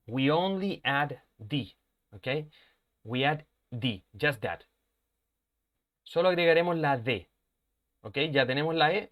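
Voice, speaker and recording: A man who speaks natively, teaching a live online English lesson, explaining in mixed with English and slowly repeating example words. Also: fairly high pitch, fairly bright tone. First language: Spanish.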